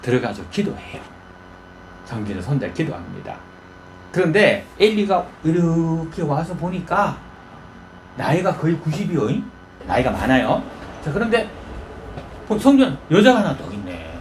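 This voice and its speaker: A man's voice: a little high, sing-song, measured pace, long pauses, a little hiss or hum. A male pastor preaching in a folksy storytelling manner, often asking the congregation questions. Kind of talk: conversational sermon.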